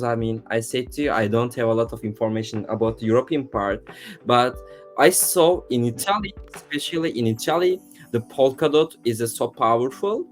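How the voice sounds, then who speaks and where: Turkish-accented man, chatty podcast guest. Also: medium pitch. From Turkey. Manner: leans on "I mean" and "to be honest", loose non-native phrasing. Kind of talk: casual podcast conversation.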